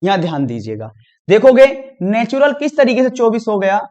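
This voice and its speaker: A man's voice: sits high, huge pitch swings, moderate pace, darkish tone, lo-fi sound. A male teacher working through exam reasoning questions, guiding students step by step and checking in with them as he goes. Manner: talks students through each step, often says "dekhiyega" and "theek hai ji". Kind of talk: exam prep lesson.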